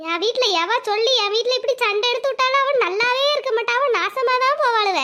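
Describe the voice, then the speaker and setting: A woman voicing a shrill, squeaky quarrelsome village wife. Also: fast talker, heavy background noise. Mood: wailing curses. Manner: wailing, scolding, cursing. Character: quarrelsome village wife, sharp-tongued, cursing. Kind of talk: cartoon voice acting.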